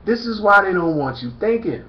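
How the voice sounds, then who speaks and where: A man's voice: high-pitched, sing-song, a little fast. A man lecturing emphatically in a preachy monologue, hammering the same rhetorical questions again and again. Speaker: commentator. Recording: echoey, dull lo-fi recording.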